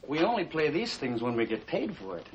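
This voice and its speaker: An actor playing a polite, smooth-talking lodger in a film drama, with an American accent and an ingratiating manner. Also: male voice, a little high, very animated, fairly quick. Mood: affable, ingratiating. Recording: dull film sound, clear background noise.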